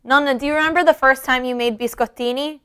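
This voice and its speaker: Talking fast in a voice that sits high, this young cooking show host keeps a steady, fairly bright, clear and resonant tone. She presents the lesson conversationally from an indoor home-style kitchen. Each step is explained straight to the viewer.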